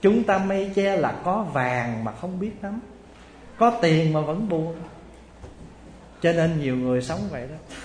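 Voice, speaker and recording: A man's voice: on the high side, expressive, unhurried, pauses often, darkish tone, echoey room, a little hiss or hum. A male Buddhist monk gives a dharma talk, telling a story with animation and acting out the characters' voices. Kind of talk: storytelling sermon.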